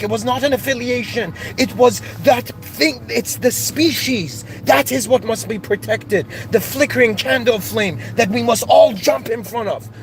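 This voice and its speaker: A man born in Iran and raised in Canada, giving an impassioned, searching spiritual monologue with many restarts and rising outbursts. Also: high voice. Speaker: spiritual speaker.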